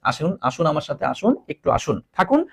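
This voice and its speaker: A young male teacher from Bangladesh, speaking with a high and very lively voice. He explains each line step by step, switches between languages and keeps checking that students follow. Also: quick pace, breathy edge. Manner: explains line by line, often asks students questions; mixes English words into his teaching. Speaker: English teacher. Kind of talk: online class lecture.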